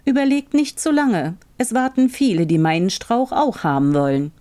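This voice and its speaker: A cunning young prince from a storybook, all polite courtesy laced with mockery. A woman reads him, lifting her low voice a little. The delivery is measured and quietly amused. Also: animated, natural voice. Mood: mocking. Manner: polite, teasing, ironically courteous. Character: sly young man, a poor prince, mocking.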